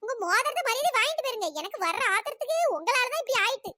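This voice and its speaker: A woman's voice: very high voice, expressive, racing, bright, forceful tone, no room sound, studio quality, full character voice. A woman voicing a cheeky, lovesick little schoolgirl in a cartoon who whines and accuses. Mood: indignant. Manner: whiny, accusing, demanding her money back.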